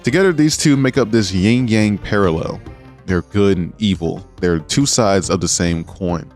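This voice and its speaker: A man's voice: fairly low pitch, moderate pace, a little mellow. A man narrating a scripted video essay with earnest, appreciative commentary. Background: music.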